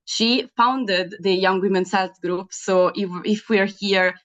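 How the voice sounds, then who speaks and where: A woman's voice: medium pitch, slow. A young woman with an Italian accent, hosting an online webinar with frequent hesitations. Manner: hesitant, many ums and uhs. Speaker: webinar host. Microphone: video call. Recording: dull lo-fi video call audio.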